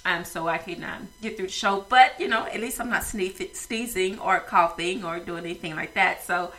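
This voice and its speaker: A woman's voice: lowish voice, normal speed, a bit bright, low-quality recording. A woman hosting a podcast with a stuffy nose, talking casually and rambling with many fillers. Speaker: podcast host.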